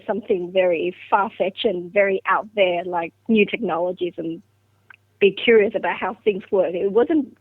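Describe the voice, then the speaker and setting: On a dry, phone-like line with no room sound, a middle-aged guest scientist from Vietnam, whose native language is Vietnamese, shares the personal story of her route into science. Her mid-range voice is reflective, and she often uses fillers and starts over.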